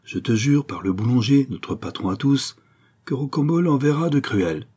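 A man voicing a cunning, gruff male bandit who broods and schemes, with sharp outbursts. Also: mid-range voice, animated, normal speed, voice pushed up. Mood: scheming.

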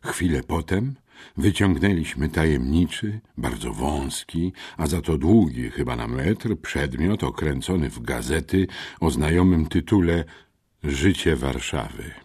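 Deep, husky man narrating an audiobook. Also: measured pace. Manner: expressive storytelling.

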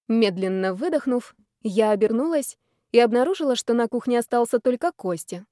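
A woman reading a first-person romance audiobook in a lively, expressive way. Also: a little high, moderate pace, no echo, studio quality. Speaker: audiobook narrator.

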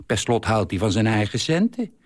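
A chatty, gossipy middle-aged woman, as a man reads her part. Her talk swings widely in pitch over a lowish voice, and the sound is close and dry. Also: moderate pace, dry recording. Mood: confiding, chatty. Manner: lively, confiding storytelling. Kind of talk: reading a literary column aloud.

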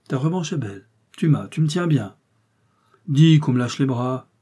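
A man voicing a rough, defiant male master criminal with a coarse, jeering way of talking, in an audiobook reading. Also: mid-range voice, expressive, moderate pace, warm tone, pitched above the performer's own voice. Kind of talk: audiobook character voice.

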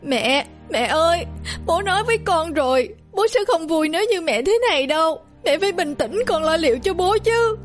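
Brief: a heartbroken teen girl, acted by a woman narrator, choked with tears, voice pushed high. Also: lively intonation, normal speed, soft background music. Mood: tearful pleading. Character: heartbroken teenage daughter, crying, pleading.

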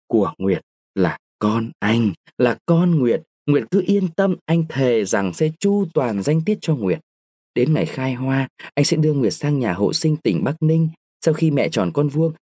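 A man's voice: mid-range voice, mellow, no echo, clean studio sound, pitched above the performer's own voice. A man reading a story, voicing an evasive young man who coaxes and soothes his lover. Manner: soothing, coaxing.

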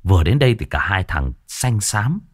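A man narrating a ghost story with dramatic, animated delivery. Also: sits low, moderate pace, soft background music.

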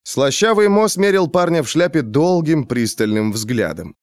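A man reading a fantasy novel aloud with expressive, dramatic narration. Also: on the high side, normal speed, no room sound, clean studio sound. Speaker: audiobook narrator. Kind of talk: scripted narration.

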